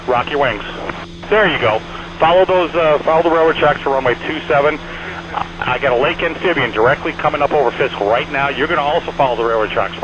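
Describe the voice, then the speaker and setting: An air traffic controller speaks over band-limited aviation radio, issuing clipped, repeated instructions and courteous sign-offs. His medium-pitched voice comes through with lo-fi sound, accompanied by aircraft engine noise and the drone of a small airplane.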